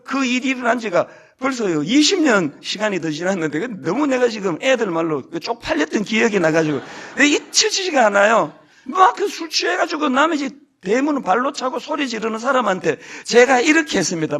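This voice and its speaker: A middle-aged man leads a sermon from the pulpit of a church sanctuary. His voice sits very high and swings widely in pitch. He tells stories about his own fears with self-mocking humor and teases the congregation as he goes. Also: a bit bright, breathy edge. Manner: humorous self-deprecating storytelling; jokes with the congregation. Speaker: senior pastor.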